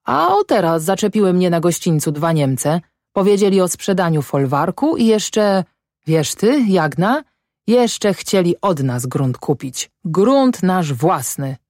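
A woman's voice: fairly low pitch, very animated, unhurried, darkish tone, dry recording, clean studio sound, voice pushed up. A woman voicing a worried, downcast peasant farmer husband in an audiobook, grumbling gloomily. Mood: alarmed. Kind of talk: audiobook character voice.

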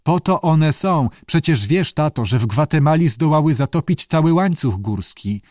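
A man's voice: on the high side, lively intonation, normal speed, darkish tone, no room sound, clean studio sound, voice pushed up, lightly acted. A male audiobook reader voicing an earnest grown son who argues with his father and later worries over him. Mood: arguing. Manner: pleading, concerned. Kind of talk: audiobook character voice.

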